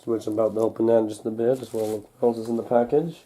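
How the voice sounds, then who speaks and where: This casual, unscripted unboxing features a young man with a lowish, mellow voice that has little pitch movement and a slight cold-recovering congestion. He mutters haltingly as he handles the packaging over a table at home, with a close camcorder mic and slight background noise.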